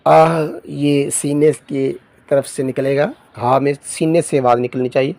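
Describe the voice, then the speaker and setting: A man teaching Quran reading. He drills syllables in a slow chant, then explains quickly in a lower voice. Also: flat delivery, gravelly, a little mellow, no echo.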